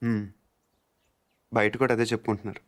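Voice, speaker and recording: An actor playing a cool young man who teases in a dry, deadpan way in a film comedy scene. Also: on the low side, quick pace, lightly acted. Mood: deadpan teasing. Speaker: film character.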